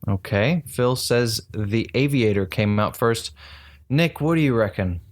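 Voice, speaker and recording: A man hosts a relaxed podcast quiz, reading out trivia questions and answers in a brisk way. His voice sits at an ordinary middle pitch. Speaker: quiz host.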